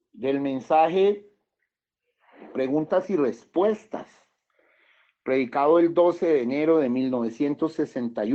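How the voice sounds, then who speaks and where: A man's voice: medium pitch, dark tone. A male pastor with a Colombian accent, preaching a sermon as he reads passages aloud and comments on them. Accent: Colombian Spanish. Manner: reads quotes aloud, then comments with chuckles and questions. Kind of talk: sermon reading and commenting on scripture. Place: church hall. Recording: dull lo-fi church recording.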